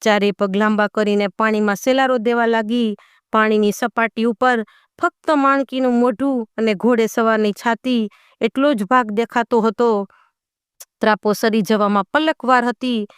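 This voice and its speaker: Clear-voiced woman telling a folk tale. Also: fairly high pitch, steady tone, no echo, clean studio sound. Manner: slows and lingers on dramatic lines. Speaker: storyteller. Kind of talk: dramatic folk tale narration.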